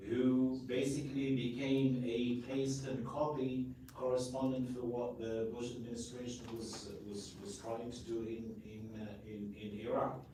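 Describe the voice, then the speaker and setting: Mellow-voiced male panelist, halting delivery, far-off echoey hall. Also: mid-range voice, flat delivery, a little hiss or hum. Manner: halting, many repeats and fillers. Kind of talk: panel discussion. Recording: echoey hall audio from afar.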